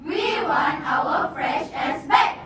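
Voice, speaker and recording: A woman's voice: very high voice, animated, slow, a loud crowd. Young female students performing choral speaking, reciting in a theatrical, emphatic sing-song chant. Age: school-age young performers. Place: large echoing competition hall, distant mic. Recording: echoey noisy hall from far off.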